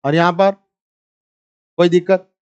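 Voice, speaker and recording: A man's voice: high-pitched, fairly even intonation, unhurried, clean tone, lo-fi sound. A male chemistry teacher, giving a live classroom lecture, teasing his students and walking them step by step through structures while asking them for answers.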